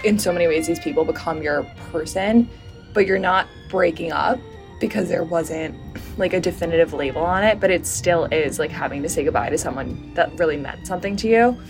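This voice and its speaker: A woman's voice: fairly low pitch, a little fast, gravelly, soft background music. A woman, a writer guest, answering casually in a chatty way with many fillers.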